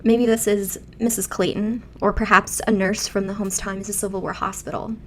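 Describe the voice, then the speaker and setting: A woman's voice: mid-range voice, flat delivery, moderate pace, a bit bright, slight background noise. A woman reading scripted narration for a paranormal investigation.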